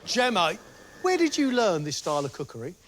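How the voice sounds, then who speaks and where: A man's voice: high voice, wildly swooping pitch, fairly quick, fairly bright tone, soft background music. A man with a British accent, a cooking show judge, asking contestants brief, cheerful questions.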